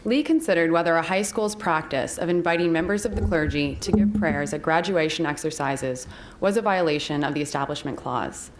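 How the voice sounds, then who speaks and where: A woman's voice: fairly low pitch, slight background noise. A young woman giving a formal, prepared oral argument as a courtroom advocate. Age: young adult.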